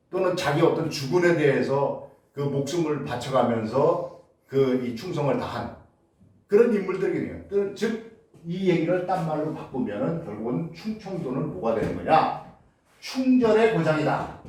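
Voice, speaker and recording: Speaking at a moderate pace with an animated delivery, this man has a somewhat high voice and a darkish tone. He's presenting a humanities talk to the public, raising questions only to answer them, and he stumbles through frequent fillers and restarts. The lecture hall is highly reverberant and the mic sits far away.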